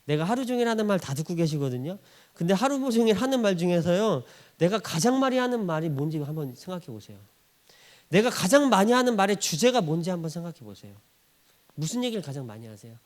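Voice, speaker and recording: A man's voice: high-pitched, very animated, fast talker, a little mellow. A male pastor preaching a sermon in a church, acting out quoted voices and laughing often.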